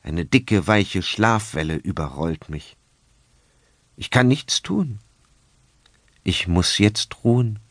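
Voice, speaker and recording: A man narrating a children's audiobook in the first person, with expressive storytelling. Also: on the low side, slow, long pauses, dry recording, clean studio sound.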